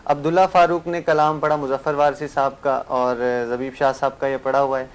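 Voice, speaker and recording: A man's voice: mid-range voice, flat delivery. Man judging singers, demonstrates phrases. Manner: advising, sings short demonstration phrases. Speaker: naat competition judge. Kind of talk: studio panel critique.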